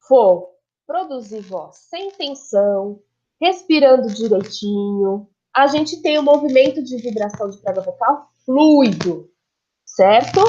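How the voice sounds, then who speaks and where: In a muffled recording with a little hiss or hum, a speech therapist with a high-pitched, darkish voice explains how the voice works. She demonstrates sounds along the way and checks in on whether listeners understand the lesson.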